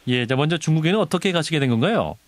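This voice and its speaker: A man's voice: fairly high pitch, lively intonation, rapid-fire, dry recording. A man hosting a news radio interview in a polite, formal manner.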